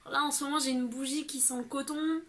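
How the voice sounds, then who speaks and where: A woman's voice: high voice, fairly even intonation, brisk, a bit bright. A young woman from France answering viewer questions in a casual, chatty vlog, with fillers and small laughs. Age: young adult. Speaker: vlogger.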